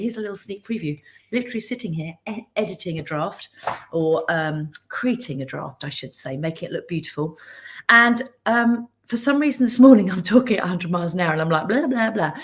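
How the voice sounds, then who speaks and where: Middle-aged lady on a phone live stream, chatty and upbeat, bit lower voice. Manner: chatty, upbeat, self-interrupting. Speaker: business mentor hosting a weekly live. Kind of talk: casual live stream chat.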